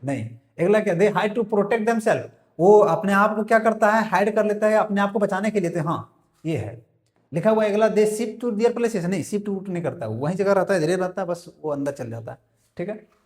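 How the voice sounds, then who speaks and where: High-voiced teacher in an echoey room. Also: male voice, expressive, normal speed. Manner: quizzing, repeats his own questions and answers them, calls students "बालक". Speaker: biology teacher. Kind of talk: exam-prep lecture, solving multiple-choice questions aloud.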